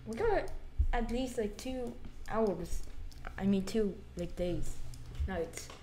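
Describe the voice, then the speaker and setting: A woman's voice: medium pitch, slow, warm tone, slight background noise. A young woman giving let's play commentary, jumpy and muttering, shrieking at scares. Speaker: gamer.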